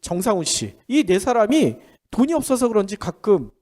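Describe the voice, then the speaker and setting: A man hosts an economic briefing with a stuffed-up nose, sounding pinched and nasal from a cold. His pitch swings in a very lively way. He explains things conversationally, posing questions and answering them himself. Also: moderate pace. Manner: chatty explainer who asks and answers own questions. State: congested with a head cold. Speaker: economic news podcast host.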